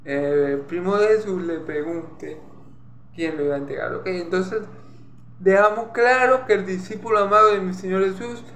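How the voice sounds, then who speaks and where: A Venezuelan man with a Maracaibo accent teaches scripture in a high voice. He explains patiently, repeats phrases and checks in with his listeners. The room is echoey, with a faint hum of ambient noise. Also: normal speed, a bit bright. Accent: Maracaibo Venezuelan Spanish. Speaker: preacher. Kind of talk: Bible teaching sermon.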